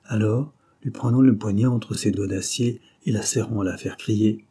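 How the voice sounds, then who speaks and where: A man reading a classic novel aloud as an audiobook narrator, measured and dramatic. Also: fairly low pitch, warm tone, breathy edge.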